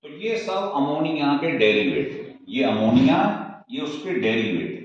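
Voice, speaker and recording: A man's voice: medium pitch, very animated, unhurried. A man teaching a chemistry class at the board, explaining step by step, repeating himself and asking students questions. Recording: echoey, dull, distant room mic.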